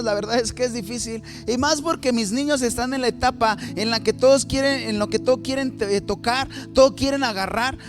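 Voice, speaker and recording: Very high-voiced pastor. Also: male voice. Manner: earnest storytelling, often repeating and rephrasing, speaking straight to the listener. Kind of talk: sermon. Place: church.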